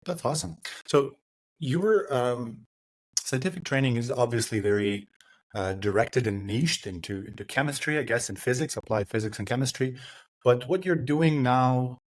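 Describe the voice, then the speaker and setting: A man hosts a podcast interview and asks long, winding questions. His delivery is hesitant and full of filler sounds, and his voice sits at an ordinary middle pitch for a man. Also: normal speed. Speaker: podcast host.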